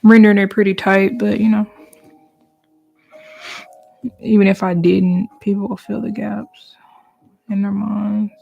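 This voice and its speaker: With vocal fry in her mid-range voice, a woman talks to her stream audience at normal speed while drawing, relaxed and chatty. Now and then she whispers, and the sound is lo-fi.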